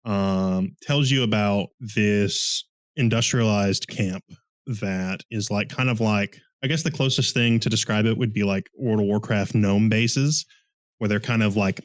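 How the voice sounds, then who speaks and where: A man with a fairly low voice narrates a tabletop session as its game master. He wanders through each description with plenty of "like" and "kind of", and his throat sounds sore, as if he is starting to lose his voice. The sound is dry and close, with no room echo. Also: fairly even intonation, normal speed. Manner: rambling, filler-heavy scene description.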